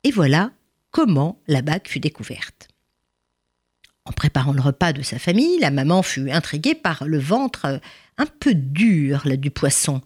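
A woman narrating a folk tale in an expressive storytelling manner, asking dramatic questions. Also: deep voice, moderate pace, slightly rough.

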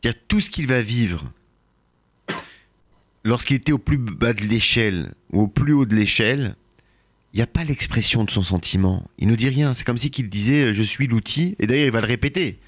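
A man's voice: medium pitch, animated, brisk, no room sound. A man, a rabbi invited on a radio talk show, speaking in an affable, conversational way and laughing easily. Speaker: rabbi, guest.

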